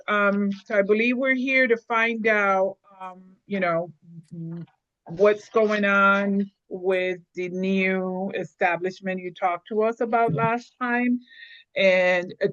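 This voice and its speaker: A woman's voice: steady tone, slow, a bit bright, no echo. Woman chairing a meeting, dry muffled sound. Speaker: commission chair. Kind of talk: formal meeting procedure. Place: public commission meeting. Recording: muffled low-fidelity meeting audio.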